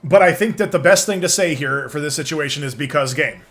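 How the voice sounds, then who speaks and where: A man's voice: a little high, a little fast, a bit bright. A man chatting casually as he streams a game and reads its dialogue aloud. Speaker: streamer voicing game characters.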